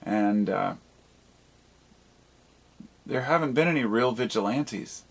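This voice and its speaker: A video blogger speaks in a slow, gravelly, medium-pitched male voice with a breathy edge and plenty of expression. His monologue rambles casually, candid and loosely profane, as he reflects aloud and second-guesses himself.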